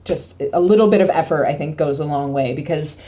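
A woman chats on a podcast in a deep, mellow voice. She rambles playfully and fills her talk with "like" and "you know". Her tone stays warm and dark. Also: fairly quick. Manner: rambling, playful, filler-heavy. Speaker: podcast co-host, PR agency. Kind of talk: casual podcast chat.

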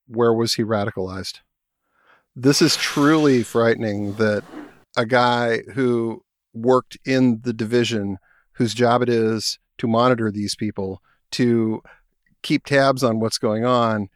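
A man co-hosting a political podcast, speaking in a measured, deliberate way. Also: medium pitch, dry recording, studio quality. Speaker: podcast co-host.

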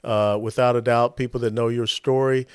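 A man's voice: medium pitch, level tone, normal speed, smooth, no echo, studio quality. A man with a Southern accent hosting a podcast interview, speaking earnestly and formally. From United States. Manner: earnest, praising, formal sign-offs. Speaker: podcast host.

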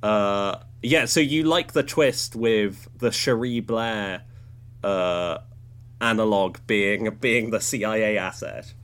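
A man's voice: on the low side, takes it slowly, smooth. A man co-hosting a podcast in casual chat, loose and full of fillers like "like" and "uh". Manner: relaxed, filler-heavy talk with lots of "like". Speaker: podcast co-host.

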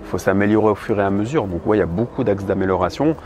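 A man's voice: on the low side, fast talker, a little mellow. A man in his thirties talking candidly and bluntly in a casual vlog, with plenty of fillers. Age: 30s. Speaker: vlogger. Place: outdoors on a busy city street. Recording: noisy outdoor street recording. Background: traffic and street ambience.

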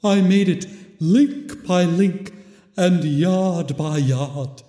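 A man's voice: high voice, drawn-out words, mellow, voice pushed up. A man voicing the tormented, mournful ghost of a dead miser in a storybook reading, solemn, wailing and drawn out. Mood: mournful, lamenting. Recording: very echoey, long reverb.

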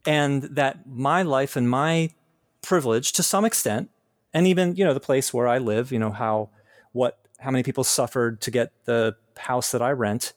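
A man's voice: mid-range voice, moderate pace, no room sound, studio quality. A man hosting an interview podcast, talking in a hesitant, searching way full of restarts. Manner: hesitant, many restarts and fillers. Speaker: podcast host. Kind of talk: casual interview conversation.

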